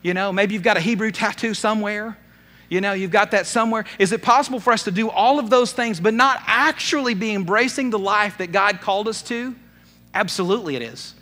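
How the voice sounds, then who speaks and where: Male pastor, middle-aged, sermon, animated storytelling, high pitch, bright tone. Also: fairly quick. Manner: animated storytelling with swings between loud and soft.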